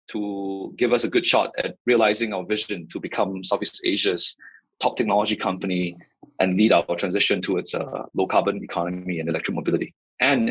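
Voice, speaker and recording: A man in his forties speaks in a husky, slightly low voice, telling his story as a company founder in an interview. He talks in a measured, steady way, dropping fillers and tagging his points with "right?". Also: poor audio. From Singapore. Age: 40s. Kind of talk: interview answers.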